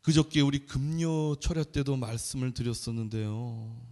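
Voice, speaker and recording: A male junior pastor preaching a sermon in a chatty storytelling way, animated and often laughing. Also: medium pitch, normal speed.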